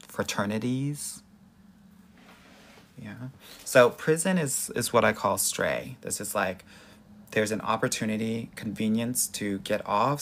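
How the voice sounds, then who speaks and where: A man with a Southern Californian Valley accent hosts a casual live question-and-answer chat, giving dating advice in a sassy, slangy way with a husky, gravelly voice. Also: on the low side, a bit bright, slight background noise. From Southern California, United States. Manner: sassy, slangy, addresses viewers as girl.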